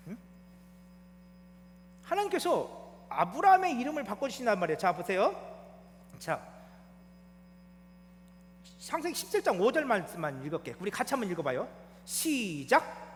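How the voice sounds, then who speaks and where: A man's voice: high-pitched, big-room sound, slight background noise. A male pastor preaching a sermon in a church, explaining things like a teacher and asking his congregation questions. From South Korea. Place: church sanctuary.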